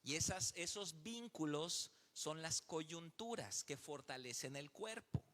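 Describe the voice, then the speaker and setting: A man's voice: fairly high pitch, animated, slow pace, a bit bright. A man from Mexico with a Mexican Spanish accent, a pastor teaching at a leaders' seminar, telling stories and explaining step by step. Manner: storytelling, acts out dialogue, explains step by step. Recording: reverberant hall.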